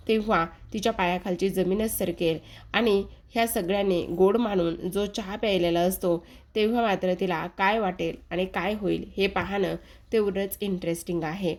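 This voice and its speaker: A woman's voice: medium pitch, a little mellow. Woman casually retelling a TV episode. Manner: retells scenes in a running present tense, addresses viewers directly. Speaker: serial recap narrator. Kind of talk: casual spoken episode recap.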